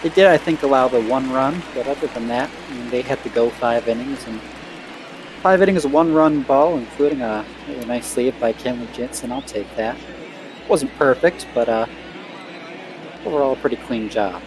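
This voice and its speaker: A man calls a baseball game play-by-play in an easygoing, conversational way. His voice sits at a middle pitch, and a steady hiss of noise runs under it. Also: moderate pace. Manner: relaxed, chatty, self-deprecating. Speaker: play-by-play commentator. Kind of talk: casual play-by-play of a simulated game.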